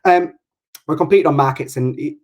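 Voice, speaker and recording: A man's voice: fairly high pitch, brisk. Male, northern English accent, online interview host, casual, chatty, rambling, self-interrupting. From Hull, England. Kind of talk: casual chat.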